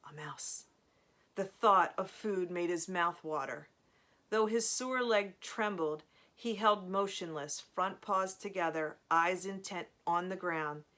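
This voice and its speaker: A woman reading a novel aloud in a slow, measured storytelling manner, with casual asides between chapters. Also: lowish voice, bright, forceful tone. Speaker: reader of a novel.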